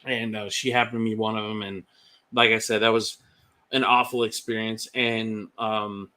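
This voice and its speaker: A man's voice: lowish voice, little pitch movement, normal speed, bright, forceful tone. A man talking as a podcast guest, candid and rambling, with lots of "like" and "um". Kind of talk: casual personal testimony.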